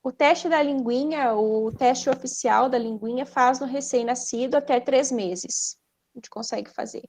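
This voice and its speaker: Her voice sits high and sounds a little mellow and unhurried. She's a Brazilian Portuguese-accented speech therapist on a podcast, explaining conversationally and didactically by asking questions and answering them.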